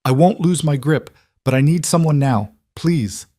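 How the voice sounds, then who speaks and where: A man voicing a huge, gentle man, exhausted but determined, talking steadily and softly. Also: fairly high pitch, expressive, unhurried, no echo, pitched above the performer's own voice. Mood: desperate.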